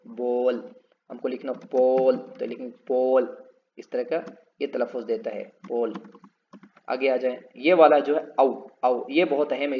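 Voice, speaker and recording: Male English teacher, slow and gravelly, drags each word out, dull lo-fi recording. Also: medium pitch. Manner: repeats words slowly and drawn out, explaining spellings. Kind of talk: spoken English lesson.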